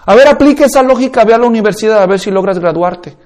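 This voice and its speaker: A man's voice: high-pitched, animated, fast, darkish tone. A man teaching a course on preaching, emphatic and full of rhetorical questions. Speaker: preaching instructor.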